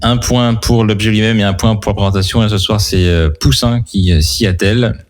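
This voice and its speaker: A man's voice: fairly low pitch, steady tone, fairly quick, slight background noise. Man hosting a casual radio show.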